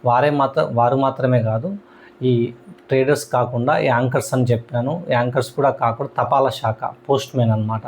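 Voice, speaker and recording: A man's voice: medium pitch, steady tone, fairly quick, a little mellow, slight background noise. A man teaching an astrology lesson, explaining terms step by step and often repeating himself.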